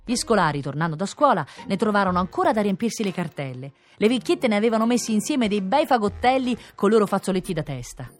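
A woman's voice: mid-range voice, animated, fast, few pauses. A woman reading children's stories aloud on radio, playful and sing-song. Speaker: storyteller.

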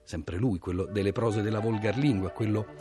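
A man's voice: normal speed, music in the background. A man presenting a word-of-the-week segment in scripted narration, with an ironic, theatrical reading. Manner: ironic, theatrical reading with wide pitch swings.

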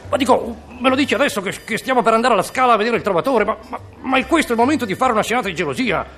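A man's voice: extremely high pitch, expressive, a bit bright, pitched above the performer's own voice, full character voice. A man voicing a flustered, stammering rich husband in a radio comedy sketch. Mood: exasperated. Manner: stammering, hurried, exasperated.

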